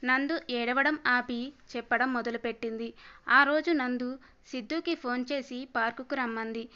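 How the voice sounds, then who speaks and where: A woman storyteller giving a steady, expressive scripted narration of a family story. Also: on the high side, normal speed, clean tone. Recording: slightly dull lo-fi audio.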